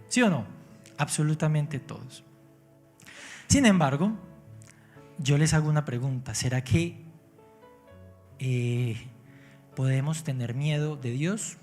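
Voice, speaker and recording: A male pastor preaches in church, his voice sitting a little high for a man. He pokes fun at himself and keeps turning to the congregation with questions, while soft music plays faintly behind him. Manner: engaging, asks the congregation questions; humorous, self-mocking. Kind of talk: sermon.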